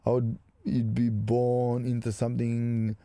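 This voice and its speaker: A man's voice: mid-range voice, completely flat delivery, measured pace, dark tone, no echo. A middle-aged man from Macedonia, co-hosting a podcast in casual chat, laid-back and swearing freely. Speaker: podcast co-host. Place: small caravan music studio.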